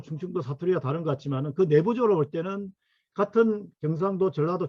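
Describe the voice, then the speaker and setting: A middle-aged man lectures on regional history, his voice sitting a bit high for a man. He pauses often with fillers as he works through his slides. The sound is dry and somewhat muffled. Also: no echo. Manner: halting, full of fillers, asks for next slide. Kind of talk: academic lecture to workshop attendees.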